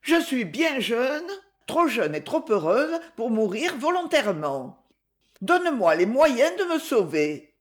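A woman's voice: fairly high pitch, big pitch swings, unhurried, few pauses. A woman reading an audiobook, voicing a proud, desperate young woman who pleads with her rich father. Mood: pleading. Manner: pleading, raised and emotional.

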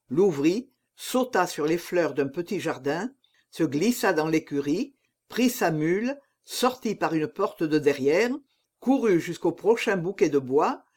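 A man narrating a classic novel in a measured, expressive reading. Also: on the high side. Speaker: audiobook narrator. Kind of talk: literary reading.

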